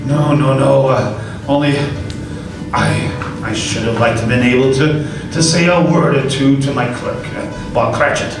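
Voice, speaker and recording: An actor playing Ebenezer Scrooge, an older miser who stammers and hesitates, in a live radio play. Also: male voice, medium pitch, moderate pace, gravelly, over music, close to an everyday voice. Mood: hesitant. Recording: echoey hall recording from far off.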